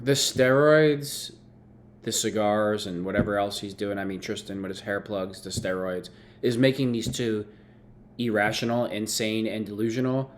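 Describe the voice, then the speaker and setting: A man's voice: fairly low pitch, moderate pace. A man giving unscripted reaction commentary, scornful and mocking, leaning hard on key words.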